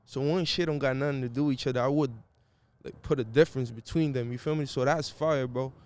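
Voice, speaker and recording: A laid-back Brazilian man whose first language is Portuguese chats casually as a guest musician in an interview. His smooth, slightly mellow mid-range voice moves at a quick pace with fairly even intonation. His talk is slangy and relaxed, and he keeps saying "you feel me."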